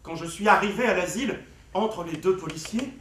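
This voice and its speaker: A high-voiced, theatrical satirical comedian. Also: male voice, fairly quick, roomy sound, far from the mic. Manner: sarcastic, theatrical, often shouting punchlines. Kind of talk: satirical one-man stage show.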